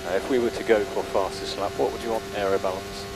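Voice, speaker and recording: Guy doing race engineer updates over radio, lowish voice, clipped and factual, noisy car sound behind. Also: flat delivery, quick pace. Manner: clipped, matter-of-fact. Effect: team radio transmission.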